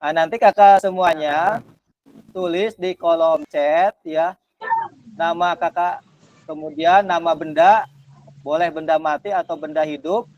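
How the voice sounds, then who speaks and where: A man facilitating an online workshop over a video call, his audio choppy and glitching as it breaks up, giving slow, repeated instructions. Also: fairly high pitch, steady tone, highs cut off. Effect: choppy, glitching connection audio.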